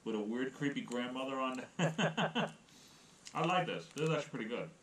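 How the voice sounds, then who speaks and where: A man's voice: mid-range voice, lively intonation, moderate pace, a bit bright, distant mic. A man eating puffs as he reviews snacks in a chatty, wry way. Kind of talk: casual food review chat. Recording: echoey room, faint noise.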